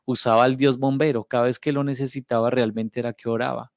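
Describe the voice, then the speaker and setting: A man's voice: medium pitch, flat delivery, fast, no echo, clean studio sound. A man from Bogotá with a Colombian accent, giving an earnest personal faith testimony in a storytelling way, often repeating phrases. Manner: earnest, emotional storytelling with repetitions. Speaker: testimony speaker.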